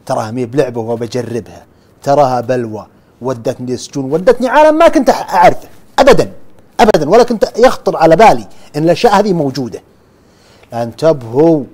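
A man's voice: mid-range voice, warm tone. A man with a Saudi accent narrating a true story, relaying another man's account and repeating "he says" as he goes. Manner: keeps repeating "he says" while retelling a friend's account.

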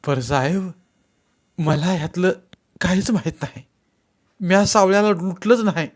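A man's voice: high voice, unhurried, pitched above the performer's own voice. A man voicing a poor, sick and frightened village man who pleads in rustic speech in a read-aloud story. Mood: pleading frightened.

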